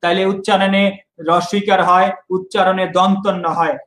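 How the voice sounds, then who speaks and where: A man's voice: sits high, level tone, normal speed, fairly bright tone, roomy sound, poor audio. A young man from Bangladesh, teaching an online exam-prep lesson and repeating key points.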